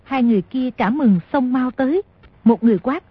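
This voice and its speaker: Woman audiobook narrator, raspy, dull lo-fi dry recording. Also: high voice, a little fast, no room sound. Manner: steady storytelling.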